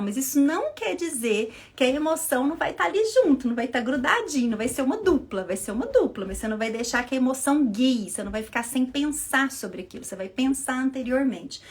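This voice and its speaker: Animated, high-voiced woman teaching live. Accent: Brazilian Portuguese. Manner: animated, keeps checking in with listeners. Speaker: therapist hosting a live stream. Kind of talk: casual live-stream talk. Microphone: live-stream setup, earring knocking the mic.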